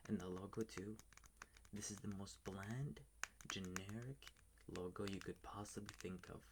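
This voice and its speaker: Low whispering man ranting into a mic. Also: steady tone, moderate pace, background noise. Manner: whispering, ranting, swears often. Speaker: ASMR video maker. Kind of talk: whispered ASMR rant. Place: bedroom at home at night. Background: faint keyboard tapping and clicks.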